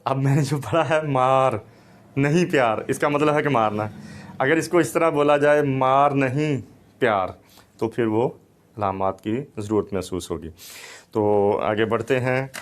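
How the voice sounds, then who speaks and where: A man giving a recorded lecture, explaining slowly and deliberately and telling a small anecdote to make his point. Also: medium pitch. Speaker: teacher.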